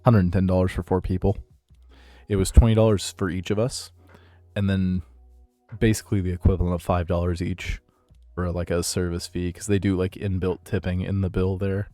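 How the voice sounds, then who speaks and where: A man hosting a casual podcast stream, telling a rambling story with jokes and hushed asides. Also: sits low, level tone, brisk, no echo, faint music behind. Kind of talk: casual chat with live chat.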